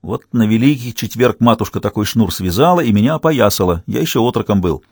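A man doing a stubborn, steady soldier. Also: lowish voice, fairly quick, breathy edge, no echo, clean studio sound. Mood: calm. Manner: calm, stubborn.

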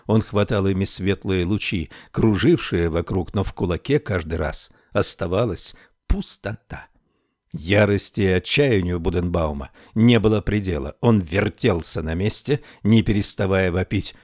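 A man narrating an audiobook in a measured storytelling way. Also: low-pitched, darkish tone, dry recording, studio quality. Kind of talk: scripted narration.

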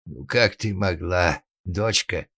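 A man voicing a furious old father in an audiobook, shouting and lamenting in drawn-out cries. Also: sits low, breathy edge, dry recording, studio quality, full character voice. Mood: raging. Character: furious old male father, bellowing, tyrannical. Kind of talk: audiobook narration.

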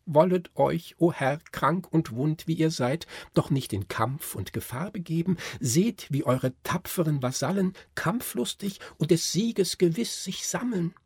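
A man voicing a gentle, courtly doll lady who speaks in soft, pleading tones. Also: on the high side, lively intonation, a little slow, hardly any pauses, husky, no echo, voice pushed up, full character voice. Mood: tender.

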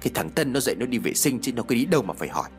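A man voicing a stubborn middle-aged village husband who talks in a gruff, dismissive way. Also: sits low, quick pace, soft background music, voice pushed down, lightly acted. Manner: gruff, scolding, brushes off worries.

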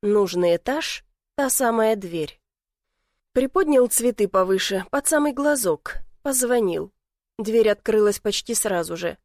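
A woman reading first-person audiobook narration in an even, expressive way. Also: mid-range voice, unhurried, dry recording, clean studio sound.

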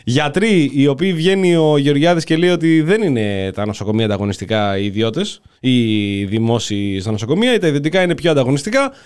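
A man's voice: medium pitch, expressive, few pauses, a little mellow, clear, resonant tone. A man co-hosting a casual satirical chat, talking with biting sarcasm. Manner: sarcastic, mocking. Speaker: co-host.

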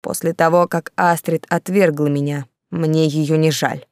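A woman's voice: deep voice, fairly even intonation, unhurried, a little mellow, dry recording, studio quality. A woman reading the part of a lazy, sarcastic young count who drawls his words. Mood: sardonic. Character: lazy sardonic young count, fond of wine.

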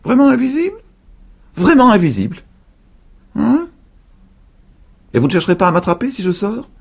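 A man voicing a sullen, suspicious boy in a storybook reading, high and doubtful. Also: sing-song, normal speed, creaky, slightly rough, exaggerated voice. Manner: wary, high-strung, doubtful.

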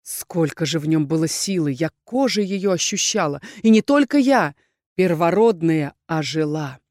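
A woman narrating a first-person fantasy audiobook in a measured, tense read. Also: low voice, animated, a little mellow, dry recording, studio quality. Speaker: audiobook reader.

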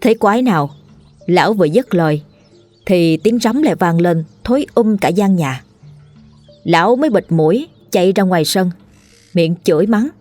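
A woman's voice: lowish voice, lively intonation, moderate pace, long pauses, a little mellow, soft background music. Woman narrating a ghost story. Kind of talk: dramatic storytelling.

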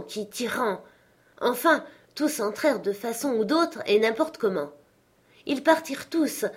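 Female audiobook narrator, husky, steady storytelling. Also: on the high side. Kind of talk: audiobook reading of a classic tale.

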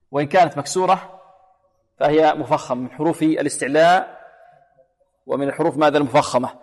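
A man with a fairly high voice teaching Quran recitation in a lesson. He asks questions and answers them himself, and he drills single sounds over and over. His voice carries a long, ringing reverb. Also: a little mellow. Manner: slow careful chanting of Quranic verses between explanations. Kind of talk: tajweed lesson on a radio program.

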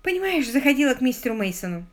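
A woman's voice: high voice, very animated, rapid-fire, voice pushed up. A woman voicing a cheerful young actress who talks in a bubbly, coaxing way.

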